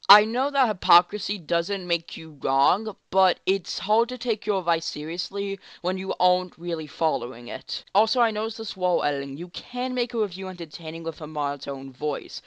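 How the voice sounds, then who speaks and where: Brief: male commentator, high and smooth resonant voice, blunt delivery. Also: fairly bright tone, no room sound. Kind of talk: scripted commentary voice-over.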